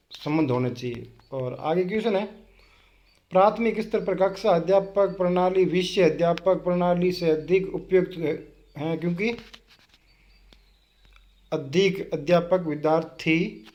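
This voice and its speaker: A man's voice: high-pitched, darkish tone. A man with a Rajasthani Hindi accent teaching an exam-prep quiz lesson. He reads each question, asks it back and answers it himself.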